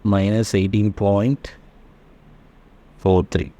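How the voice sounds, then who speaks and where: Over dull audio, a male engineering lecturer delivers a step-by-step tutorial, halting through the math and making sure his audience keeps up. He has a lowish, mellow voice and a flat delivery.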